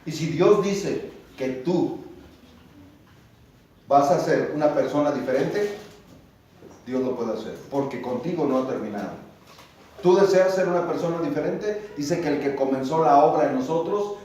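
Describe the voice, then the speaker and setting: A man preaching a sermon, reading scripture slowly and often asking his listeners "¿no?". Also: medium pitch, warm tone, slight background noise. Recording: echoey room, voice from a distance.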